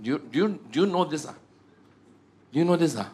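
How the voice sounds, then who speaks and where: A man with a Malaysian accent gives a humorous teaching talk to a church group in a fairly quick, expressive voice that's on the high side with a darkish tone. He jokes at his own expense and tags his sentences with "ah" and "huh".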